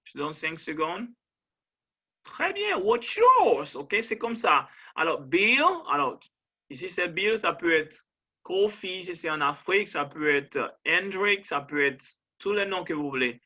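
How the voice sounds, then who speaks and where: A man gives an English pronunciation lesson, drilling short phrases slowly and coaxing his learners to repeat. His voice is bright and a touch high. The recording sounds a little dull and lo-fi. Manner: encouraging, coaxing. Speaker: English teacher.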